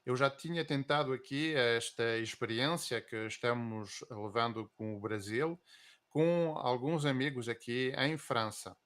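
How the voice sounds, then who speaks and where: A slow-speaking man gives reflective interview answers. He pauses often and fills the gaps with drawn-out "ahm" and "eh" sounds while he picks his words. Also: mid-range voice, fairly bright tone. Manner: reflective, hesitant with many drawn-out fillers. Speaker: guest.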